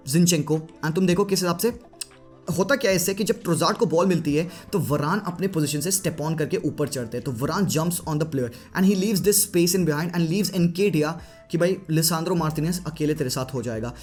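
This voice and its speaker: Guy breaking down football tactics, chatty, kinda high voice, faint music behind. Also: normal speed. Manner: lively Hinglish commentary, mixing Hindi and English; chatty, addresses viewers as bhai. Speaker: football analyst.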